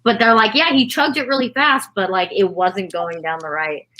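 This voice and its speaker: A woman's voice: mid-range voice, fairly even intonation, moderate pace, sharp tone. A woman chatting casually during an eating contest, telling anecdotes and peppering her talk with "like". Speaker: competitive eater.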